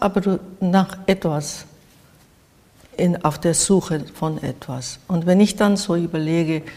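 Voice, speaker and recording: An older Japanese artist, interviewed in her Berlin studio, answers reflectively in accented, non-native English, pausing as she hunts for words. Her voice is low and warm, and the indoor room echoes noticeably.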